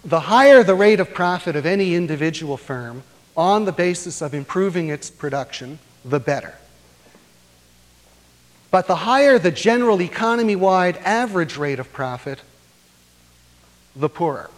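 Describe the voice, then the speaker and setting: A man giving an academic lecture to a class, explaining step by step in a measured, deliberate way with frequent hesitant pauses. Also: high-pitched, lively intonation. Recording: long reverb of a lecture hall.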